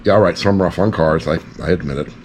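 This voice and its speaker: A man's voice: sits low, quick pace, a little mellow. A man hosting a casual book chat, sarcastic and swearing offhandedly. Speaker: podcast host. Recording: faint background noise.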